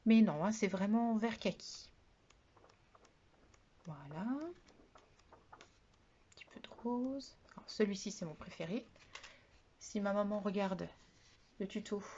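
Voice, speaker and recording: Chatty craft vlogger, woman, mid-pitched, soft-spoken, lo-fi recording with a faint hiss. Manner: soft-spoken, often trails off quietly; chatty, repeats "voilà" often. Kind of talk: product haul demonstration. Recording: dull lo-fi sound with faint noise.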